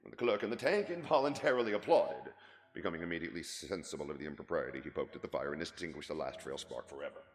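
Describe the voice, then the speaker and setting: A man doing a cold read of a classic story as narrator, with dramatic, expressive storytelling. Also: rumbling low, fast talker. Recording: echoey room with long reverb.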